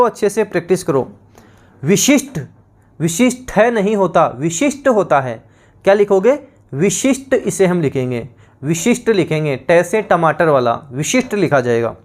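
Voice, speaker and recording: A man teaching an exam-prep language lesson. He repeats each word several times and asks the class questions that he answers himself. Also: sits high.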